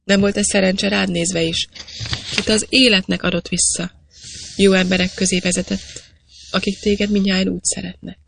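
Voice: medium pitch, flat delivery, gravelly, a bit bright, breathy edge, dry recording. Earnest young miner read by a narrator. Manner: pressing, earnest questioning.

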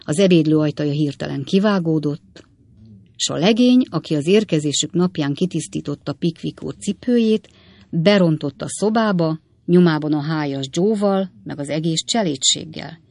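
A woman narrating an audiobook in a calm, even storytelling manner. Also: sits low, gravelly, no room sound.

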